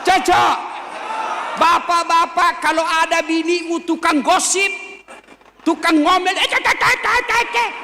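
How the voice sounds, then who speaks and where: A male preacher, giving a lively, joking sermon and speaking directly to a live crowd. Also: very high-pitched, unhurried, a little hiss or hum. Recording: long hall reverb.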